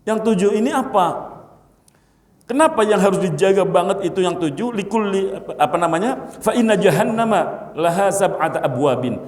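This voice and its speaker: A slightly high-voiced man preaches in a sermon style. He recites Arabic lines and then explains them, playful jabs at his congregation. His voice rings through a roomy hall a long reverb tail. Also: expressive, moderate pace, darkish tone. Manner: teasing asides to listeners.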